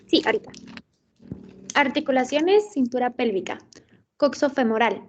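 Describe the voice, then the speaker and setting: A woman's voice: high-pitched, moderate pace, darkish tone, a little hiss or hum. A woman student, reading a list of anatomy terms aloud and stumbling on a word. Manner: reads term by term, stumbles on a word. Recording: dull lo-fi call audio.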